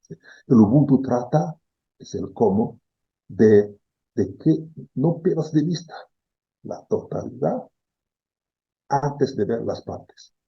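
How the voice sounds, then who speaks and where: A middle-aged philosophy professor from the Democratic Republic of the Congo, an interview guest, explains ideas thoughtfully, repeating key words and frequently checking in with "¿sí?". His mid-range voice is gravelly with a breathy edge and lively intonation, delivered slowly with long pauses; the highs are cut off.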